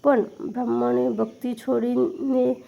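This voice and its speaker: A woman narrating a devotional story from a script in a steady, reverent tone. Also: a little high, takes it slowly, creaky.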